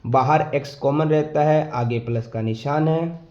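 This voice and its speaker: A man's voice: fairly high pitch, a little slow, a little mellow, muffled recording. A man teaching maths step by step, asking his pupils questions and answering them himself, patiently repeating the rules. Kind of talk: step-by-step classroom explanation. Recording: echoey room.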